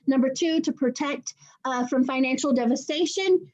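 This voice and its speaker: A woman giving sales training on a group call, instructive and brisk as she lists steps for the team. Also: high-pitched, darkish tone. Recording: dull lo-fi call audio.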